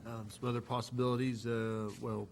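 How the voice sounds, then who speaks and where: A man's voice: medium pitch, flat delivery, normal speed, a little hiss or hum. A man chairs a public meeting informally, putting questions in hesitant pieces.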